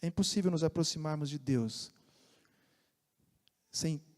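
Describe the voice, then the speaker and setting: A Brazilian man preaches a sermon with a high, light voice. He swings between ringing emphasis and hushed, conversational asides. The sound carries a long reverb from a church hall. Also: measured pace. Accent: Brazilian Portuguese. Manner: animated preaching, shifting from loud emphasis to soft asides. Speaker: pastor. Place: church sanctuary.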